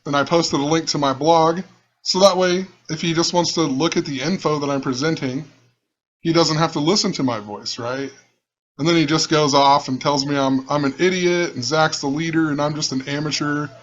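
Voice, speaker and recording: Thinking out loud over a screen share, this channel host keeps repeating himself in a rambling, musing way. His voice is rough and fairly high, his tone steady and his speed normal. The audio comes across dull and lo-fi.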